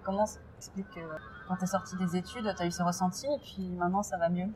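A woman interviewing someone, asking quiet, prompting questions. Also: fairly low pitch, steady tone, fast talker, faint music behind. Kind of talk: casual interview.

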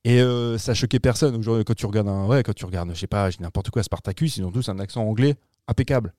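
Fast-talking slangy male film reviewer. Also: fairly low pitch, dry recording, clean studio sound. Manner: animated, slangy, swears freely, many restarts. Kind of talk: casual film-review chat.

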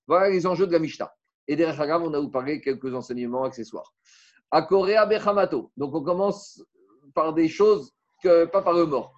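A man's voice: on the high side, lo-fi sound. Man explaining a Talmud lesson. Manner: explains step by step, asks rhetorical questions; mixes Hebrew terms into French. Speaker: Talmud teacher. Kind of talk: casual Talmud class explanation.

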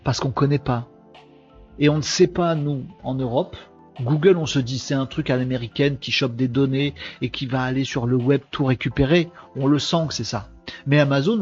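A man's voice: mid-range voice, fairly quick, darkish tone, husky, lo-fi sound, soft background music. A man from France hosting a daily live webinar, chatting casually, joking and rambling as he reads viewers' comments aloud. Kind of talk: casual live-stream chat.

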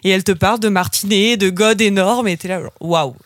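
A woman's voice: mid-range voice, a little fast, no echo, clean studio sound. A woman chatting casually on a podcast, hesitant and full of fillers. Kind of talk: casual chat.

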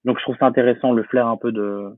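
A man's voice: mid-range voice, steady tone, fast talker, no echo. A young man chatting as an interview guest, his speech full of hesitant fillers and self-corrections. His voice comes through a thin, phone-like line with no room sound at all. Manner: hesitant, many fillers and restarts. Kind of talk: casual interview talk. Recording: tinny phone-like line, dry.

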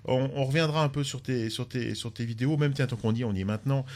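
Male radio host, mid-pitch, playful interviewer. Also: quick pace, a little mellow. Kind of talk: radio chat.

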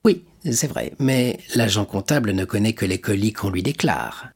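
A man reading the part of a scheming, jealous ship's accountant who talks in a smooth, persuasive way. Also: lowish voice, expressive, normal speed, darkish tone, heavily acted. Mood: evasive.

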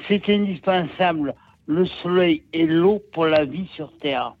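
A man in his sixties from Nîmes with a southern French accent, calling in to a radio show and talking in a rambling, halting way, repeating himself. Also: a little high. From Nîmes, southern France. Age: 60s. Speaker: caller. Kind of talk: call-in radio chat. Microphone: telephone. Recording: tinny phone line.

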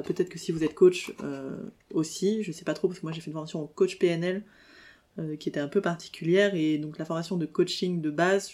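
A young woman with a French accent hosts a solo podcast in an easy, unscripted way. She hesitates often, fills gaps and corrects herself mid-phrase. Her tone is self-deprecating and chatty. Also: fairly low pitch. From France. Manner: laughs between lines, self-deprecating. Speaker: podcast host. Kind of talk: casual solo podcast monologue.

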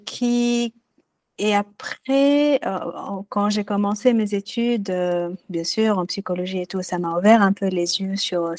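A woman's voice: mid-range voice, darkish tone, dry recording. Earnest woman telling her story, dry sound. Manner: earnest and reflective, pausing to search for words. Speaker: podcast guest, music therapist. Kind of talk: casual personal storytelling in an interview.

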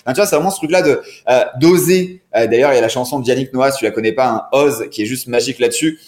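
A man's voice: mid-range voice, rapid-fire, a little mellow. Chatty man in an echoey room. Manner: rambling, chatty, many restarts. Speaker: podcast guest. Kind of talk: casual chat. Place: apartment room.

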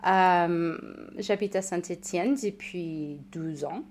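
A woman from the United States with an American accent, English her first language, speaking French as a podcast guest and telling her own story with many pauses and restarts. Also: fairly low pitch, a little mellow, slight background noise. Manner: hesitant, many restarts and fillers. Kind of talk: personal testimony in conversation.

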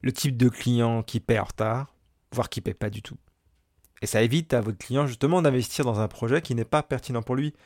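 A man's voice: mid-range voice, fairly quick, hardly any pauses, darkish tone, no echo, studio quality. Congested, nasal man explaining on a podcast. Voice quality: congested, nasal duck-like voice from a cold. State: has a bad cold. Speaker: podcast host and business coach. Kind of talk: solo podcast monologue, explanatory.

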